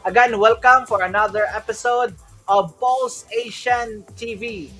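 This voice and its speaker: Hosting a solo crypto livestream in a loose style, a Filipino-accented man from the Philippines repeatedly asks "right?" and switches into Tagalog now and then. His very high voice is bright and forceful, steady in tone and a little slow, with faint music behind him.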